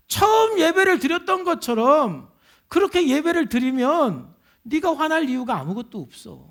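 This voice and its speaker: A male pastor voicing God as a patient, fatherly figure who gently asks questions and gives earnest counsel. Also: very high voice, voice pushed up, full character voice. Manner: kindly probing questions, slow and earnest. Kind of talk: sermon quotation.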